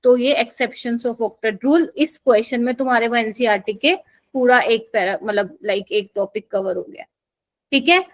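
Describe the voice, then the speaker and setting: A woman's voice: fairly high pitch, a little slow, rough recording. A young woman teaching a live chemistry exam-prep class in Hindi mixed with English terms, quizzing students and often checking that they follow.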